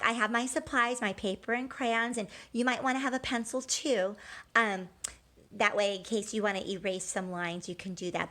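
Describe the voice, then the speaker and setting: Reading a storybook to children, this woman teacher speaks in a medium-pitched voice that sounds pushed and bright. She talks straight to the kids with expression, leaning on key words and putting questions to her young audience.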